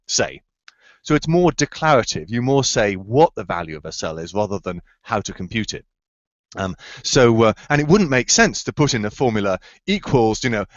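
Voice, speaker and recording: Heard over a video call with dry, slightly dull sound, a lowish-voiced researcher eagerly explains answers to students. He frequently gropes for words, using fillers and starting over.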